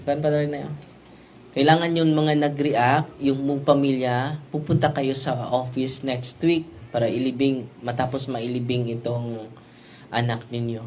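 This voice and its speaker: A man's voice: a little high, a little hiss or hum. A man, a priest telling a story in a sermon and often ending his sentences with a questioning "no?". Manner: storytelling, with frequent "no?" tag questions.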